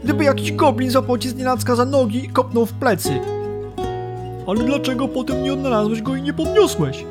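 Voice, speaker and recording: A man's voice: very high voice, brisk, over loud music, pitched above the performer's own voice. A man reading aloud as an indignant male dwarf defending himself. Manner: agitated, exclaiming.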